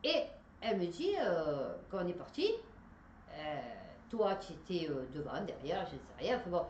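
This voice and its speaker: A woman's voice: lowish voice, big pitch swings, moderate pace, darkish tone, muffled recording. Woman rambling thru a story, lots of fillers, roomy echo, faint hiss behind. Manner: chatty and rambling, many fillers, laughs while talking. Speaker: vlogger telling a personal story. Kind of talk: casual storytelling.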